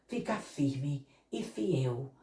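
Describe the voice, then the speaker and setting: A woman missionary telling a Bible story to children, animated and speaking to them directly. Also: a bass voice, drawn-out words. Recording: echoey room, mic far off.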